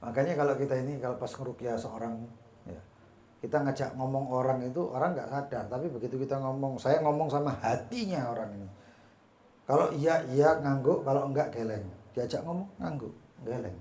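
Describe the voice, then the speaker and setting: A man preaching a religious study session and telling a story with lively asides. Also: mid-range voice, fairly quick. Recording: echoey room.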